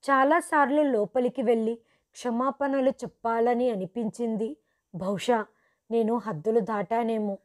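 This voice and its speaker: A woman telling a first-person story in a steady, earnest scripted narration. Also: on the high side.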